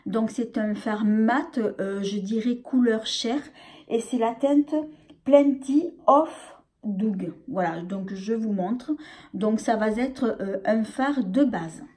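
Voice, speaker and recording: A woman's voice: fairly high pitch, slow, mellow. A woman with a French accent reviewing a makeup palette in a casual, hesitant way, full of fillers and restarts. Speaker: beauty vlogger.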